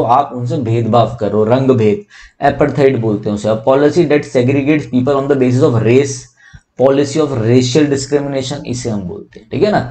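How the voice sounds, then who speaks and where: A young male tutor with a dark, mellow voice works through an exam vocabulary list. He explains in Hindi, mixes in English terms and drags out each English definition slowly. He spells words letter by letter and keeps asking what the word is called. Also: mid-range voice. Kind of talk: exam-prep vocabulary lesson.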